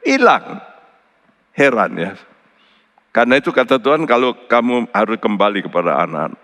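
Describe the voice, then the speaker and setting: A middle-aged man preaching a sermon as pastor, animated, often jumping to high emphatic outbursts. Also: moderate pace. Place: large church hall. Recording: church service with long hall reverb.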